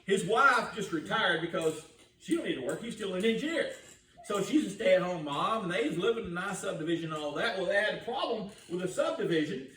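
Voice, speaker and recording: An older male pastor preaches in a church sanctuary, telling his sermon in a folksy, storytelling way and often putting questions to the congregation. His voice is high, expressive, brisk and bright with a forceful tone. The roomy recording is taken from a distance and carries a little hiss or hum.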